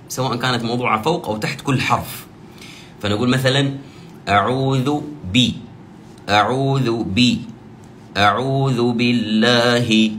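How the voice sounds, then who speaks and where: Brief: male recitation teacher, low, bright tone, deliberate drilling delivery, faint background hum. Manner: slow, deliberate, repeats sounds for drill. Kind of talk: tajweed pronunciation lesson.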